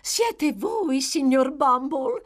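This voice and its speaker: A woman's voice: high voice, expressive, very slow, voice pushed up, heavily acted. A woman doing a prim, fussy workhouse matron. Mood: sugary. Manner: fussy, exclamatory, sugary toward guests. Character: prim, self-pitying widowed workhouse matron. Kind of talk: audiobook reading.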